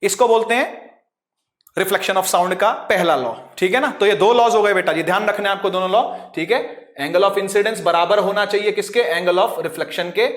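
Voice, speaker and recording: A man's voice: high-pitched, normal speed, fairly bright tone. A man teaching a physics class online, patiently explaining and often checking whether his students follow. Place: teaching at a board. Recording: echoey room.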